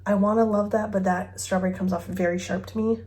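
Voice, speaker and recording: A woman's voice: mid-range voice, steady tone, a little fast, darkish tone. A woman in her thirties chatting casually at home as she reviews fragrances, thinking aloud with giggles and a phone mic. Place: home bedroom with dresser.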